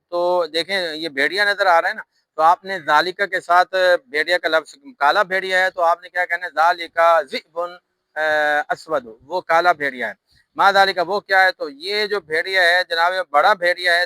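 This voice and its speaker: Bright-voiced Urdu-speaking Arabic teacher. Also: male voice, sits high, clear, resonant tone, no echo, low-quality recording. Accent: Pakistani Urdu. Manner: patient, repeats each rule step by step. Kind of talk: classroom lesson explaining grammar.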